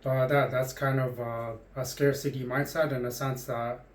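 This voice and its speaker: Forties man, casual musing vlog voice, monotone and hesitant, echoey room. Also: medium pitch, normal speed. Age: 40s. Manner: rambling, hesitant with frequent restarts. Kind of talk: casual monologue.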